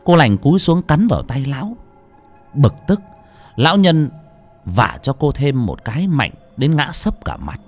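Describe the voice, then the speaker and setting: A man's voice: medium pitch, a little slow, soft background music. Man narrating a dramatic audio story. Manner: dramatic, expressive reading.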